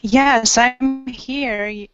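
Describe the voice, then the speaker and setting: A woman answering in an online class, her voice slow and halting as the call audio keeps breaking up. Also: fairly high pitch, steady tone, over music. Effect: choppy, breaking-up call audio. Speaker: student. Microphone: video call. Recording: muffled, choppy video-call line.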